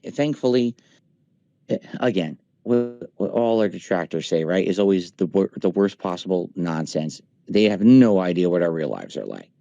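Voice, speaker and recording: A man's voice: deep voice, warm tone, no room sound, lo-fi sound. A man in his forties in a casual voice chat, talking emphatically and venting with profanity. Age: 40s. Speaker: streamer. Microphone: voice chat mic.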